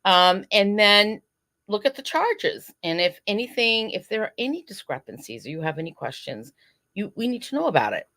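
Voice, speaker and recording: A woman's voice: medium pitch, big pitch swings, fairly quick, pushed and bright. A woman who is a guest on a podcast, earnestly advising listeners in casual interview talk. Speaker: guest program director.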